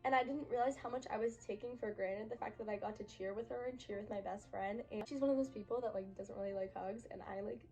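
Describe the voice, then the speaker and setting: A woman's voice: mid-range voice, steady tone, fast talker, hardly any pauses, dark tone, soft background music, low-quality recording. A young woman vlogger telling a personal story to camera in a chatty, emphatic way, full of fillers.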